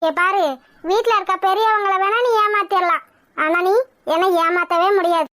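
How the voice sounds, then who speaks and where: A woman's voice: very high voice, fairly even intonation, normal speed, sharp tone, dry recording, studio quality. A woman voicing a caring but stern young woman in a cartoon, who coaxes and scolds. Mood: demanding. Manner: coaxing, then demanding and scolding. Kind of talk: cartoon voice acting.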